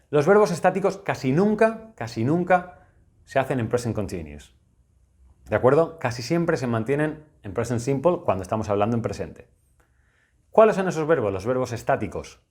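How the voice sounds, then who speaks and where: A man's voice: mid-range voice, a little mellow. Young adult man, Spain accent, video-lesson grammar teacher. Patient, explanatory, repeats key points. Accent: Spain Spanish. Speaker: English teacher.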